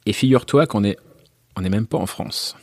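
A man's voice: on the low side, brisk, dry recording, studio quality. A man hosting a podcast, chatting casually through a wine tasting, describing it with many hesitations and fillers. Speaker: podcast host.

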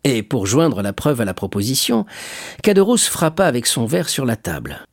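A man reading a classic novel aloud as an audiobook narrator, with a measured, expressive delivery. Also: mid-range voice. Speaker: audiobook reader.

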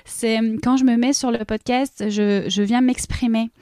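A woman podcaster speaking in a casual interview, expressive and searching for her words. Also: a little high, measured pace, dry recording, studio quality. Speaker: podcaster guest. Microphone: studio microphone.

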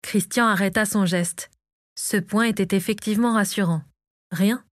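A woman narrating a fantasy audiobook in a calm, measured storytelling manner. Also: medium pitch, dry recording, clean studio sound. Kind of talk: scripted narration of a fantasy novel.

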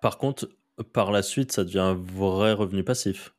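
A man co-hosting a podcast, speaking in a relaxed, casual way with short interjections. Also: sits low, moderate pace. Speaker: podcast co-host.

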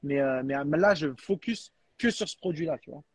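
A man talking in a casual chat as a guest, animated and slangy, often restarting and repeating words. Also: on the high side, a little fast, slightly rough, dry recording. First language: French. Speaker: guest, freestyle football creator.

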